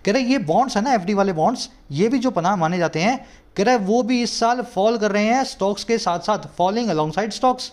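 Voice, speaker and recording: A man's voice: high-pitched, darkish tone. A man with an Indian accent, teaching English by explaining a news article word by word, often checking that the class is following. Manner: explains terms step by step, often checking "ठीक है"; reads English quotes slowly.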